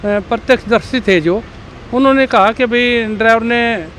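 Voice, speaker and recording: A man recounting the accident to a reporter outdoors. He speaks haltingly with many pauses and fillers. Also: very high-pitched, fairly bright tone, a little hiss or hum. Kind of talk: street interview.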